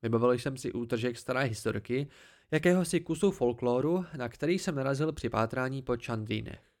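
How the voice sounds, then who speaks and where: A man reading an amateur audiobook in a calm, even storytelling manner. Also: medium pitch. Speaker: audiobook narrator.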